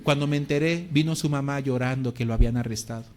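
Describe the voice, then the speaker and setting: A man with a Mexican accent, a pastor preaching and telling a testimony story in lively, colloquial speech. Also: medium pitch, fast talker. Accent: Mexican Spanish.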